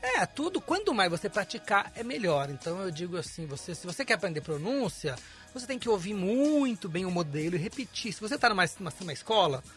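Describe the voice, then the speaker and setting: A man's voice: sits high, big pitch swings, quick pace, fairly bright tone, soft background music. A man, an English teacher, explaining pronunciation as a guest on a radio interview in a studio. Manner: explanatory, demonstrates sounds.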